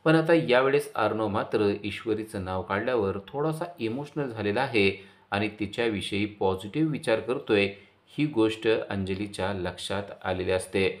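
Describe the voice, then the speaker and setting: Male recap narrator, low voice, steady storytelling. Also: moderate pace. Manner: steady retelling with quoted dialogue.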